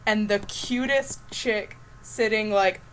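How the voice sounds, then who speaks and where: A young woman streaming while she chats with a friend, friendly and relaxed as she tells stories. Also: mid-range voice, takes it slowly, rough recording. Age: young adult. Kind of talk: casual chat.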